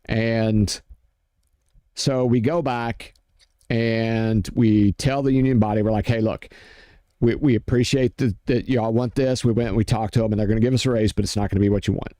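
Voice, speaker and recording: A man's voice: fairly low pitch, fairly even intonation, moderate pace, dark tone, no echo. A man in a casual, heated rant, blunt and profane, acting out both sides of arguments. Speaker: streamer ranting on workplace issues.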